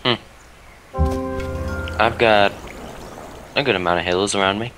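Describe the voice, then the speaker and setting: A man's voice: lowish voice, a little slow, pushed and bright, soft background music. A young man chatting casually during an online multiplayer strategy game, joking, teasing and swearing while talking through a headset. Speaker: multiplayer gamer. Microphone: headset with earphones.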